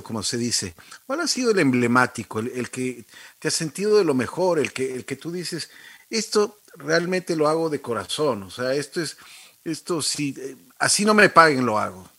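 A male interview host with a husky, slightly raspy voice that swoops up and down lively in pitch. He asks his guest curious questions and often stumbles and restarts mid-sentence, recorded close and dry. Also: moderate pace, no room sound.

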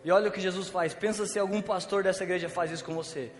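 A man's voice: high-pitched, fairly even intonation, quick pace. A man with a Brazilian Portuguese accent preaching a sermon as a pastor, in a casual, slangy storytelling way with humor. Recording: echoey church hall with faint music.

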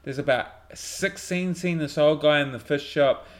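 A man co-hosts a podcast and mocks a film in casual chat. His voice sits a little high, and he is dry and sarcastic. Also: moderate pace. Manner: dry, sarcastic, laughing asides. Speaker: podcast co-host. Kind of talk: casual movie review chat.

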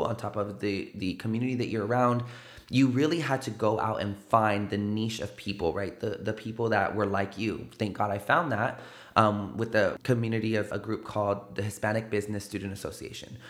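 This casual storytelling interview features a brisk man with a lowish voice and roomy sound, a guest in a podcast studio. He hails from the South Side of San Antonio, speaks with a South Texas accent, and animatedly tags his stories with "right?" and "like".

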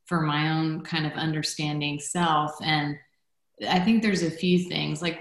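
A woman's voice: low-pitched, fairly bright tone. A woman from Guatemala, a guest speaking reflectively in an interview. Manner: reflective, measured, with fillers. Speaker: guest, former executive director. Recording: echoey room.

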